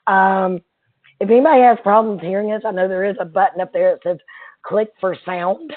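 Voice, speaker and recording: A woman with a hoarse, froggy voice co-hosting a casual live webinar. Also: mid-range voice, steady tone, fairly quick. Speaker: webinar co-host. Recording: tinny, phone-like band-limited webinar audio.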